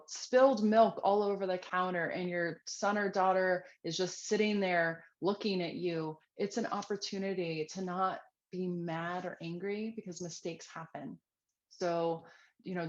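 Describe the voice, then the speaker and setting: A woman parenting coach talks straight to the viewer in an earnest, conversational way, dropping in casual fillers. Her voice sits on the low side. The recording is slightly dull and lo-fi. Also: fairly even intonation, moderate pace. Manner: earnest, conversational, with frequent fillers and acted-out quotes. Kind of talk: direct-to-camera parenting tips.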